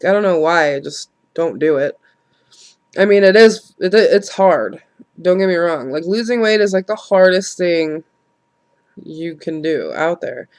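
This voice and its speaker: This late-twenties vlogger has a lowish, expressive voice and a measured pace, though a cold leaves her congested and nasal. She rambles openly through her casual video, swearing and laughing at her own expense.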